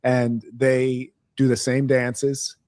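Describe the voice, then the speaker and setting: A man's voice: mid-range voice, level tone, very slow, darkish tone, dry recording, clean studio sound. A man giving opinionated commentary in an assertive, sardonic tone.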